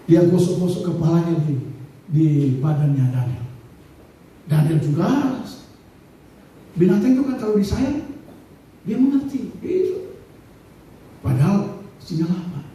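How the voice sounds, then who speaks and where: A man preaching a sermon as pastor, animated and acting out the stories he tells. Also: high voice, measured pace, pauses often, a little hiss or hum. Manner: animated storytelling, acting out scenes. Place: church. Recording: echoey church hall, distant mic.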